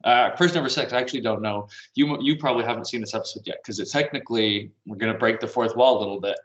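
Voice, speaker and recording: A man's voice: mid-range voice, quick pace. A man casually chatting on a podcast from home, rambling and meandering with little chuckles. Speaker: podcast co-host. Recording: roomy echo.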